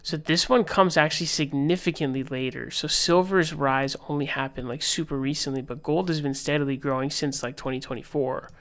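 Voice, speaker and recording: A man's voice: fairly high pitch, fairly even intonation, fairly quick, hardly any pauses, fairly bright tone. A young man giving casual live-stream political commentary, rambling with lots of fillers and reading posts aloud. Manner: rambling, filler-heavy, reads tweets aloud.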